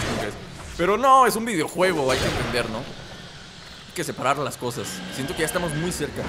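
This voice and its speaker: A young man with a Mexican Spanish accent does let's play commentary, joking playfully with the characters in the game he's playing. His mid-range voice competes with background noise, as the game's music and sounds play loudly behind him.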